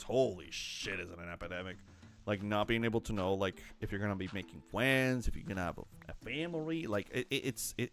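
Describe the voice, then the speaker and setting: Excitable young man streaming a game. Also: on the low side. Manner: excitable, rambling, laughs often. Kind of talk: casual live-stream chat while gaming.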